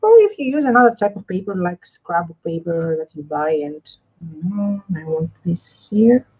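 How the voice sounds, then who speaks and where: In a lo-fi recording, a Greek woman with a Greek accent runs a casual live craft tutorial, often repeating and rephrasing as she chats and explains. Her voice is lowish and a little slow, with lively intonation and a breathy edge.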